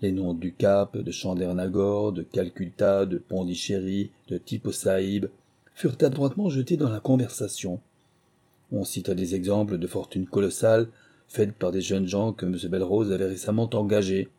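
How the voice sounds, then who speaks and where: Low, husky male audiobook narrator. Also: steady tone, dark tone. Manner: measured, storytelling. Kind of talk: scripted narration of memoirs.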